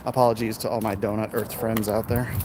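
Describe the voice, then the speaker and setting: An American livestream host walks along neighborhood streets, chatting off the cuff in a rambling way and answering comments. His lowish voice is level and a little fast, with street noise, passing vehicles and urban ambience behind him.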